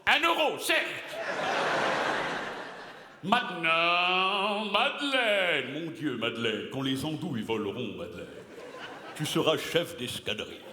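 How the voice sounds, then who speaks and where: A man playing a boastful, pompous male playwright who declaims loudly and theatrically on stage. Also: sing-song, slow, pauses often, heavily acted. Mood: exasperated. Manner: booming theatrical declamation, swings from shrill to low mutter. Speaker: stage comedian. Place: live stage in a theater hall. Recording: echoey hall, loud crowd and noise.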